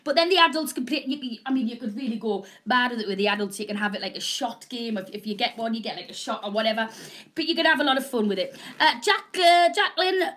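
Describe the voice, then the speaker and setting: Woman, Northern English accent, higher-pitched, home shopping host, chatty rambling sales patter, bunged up with a cold, camera mic in a small room. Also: animated, fast, a bit bright. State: snotty with a cold, coughing. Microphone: camera mic at a short distance, no proper mic.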